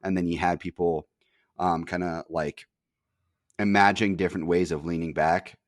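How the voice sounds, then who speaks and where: Young guy on a podcast, super low voice, rambles w lots of ums and likes, swears here and there, dry sound. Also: steady tone, normal speed, dry recording. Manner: rambling storyteller, heavy fillers, swears casually. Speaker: podcast host. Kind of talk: casual chat.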